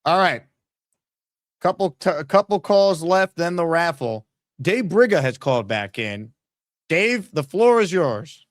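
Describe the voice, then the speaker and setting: A man's voice: fairly high pitch, big pitch swings, measured pace, no room sound, studio quality. A man casually hosting a live sports fan call-in show.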